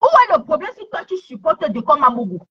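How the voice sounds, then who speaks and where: A woman's voice: sits high, very animated, brisk. A woman giving heated commentary online, scolding someone with repeated taunting questions. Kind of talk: heated social media commentary. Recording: dull lo-fi sound.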